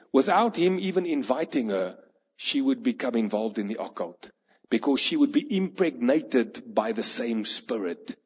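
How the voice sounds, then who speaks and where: In a large hall with a long, ringing reverb, a man preaches a sermon built around a parable, taking on the voices of its characters. He has a husky, breathy, medium-pitched voice, and the recording comes across as dull and lo-fi.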